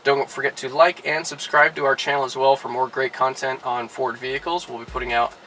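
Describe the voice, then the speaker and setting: A man, a car dealership product specialist, giving a relaxed how-to demonstration inside a car, with many "all right" and "uh" fillers. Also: medium pitch, a little fast, low-quality recording.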